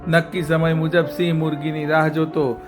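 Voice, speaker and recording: A man's voice: fairly high pitch, little pitch movement, moderate pace, over music. A male storyteller narrating a children's story and speaking directly to young listeners with a moral.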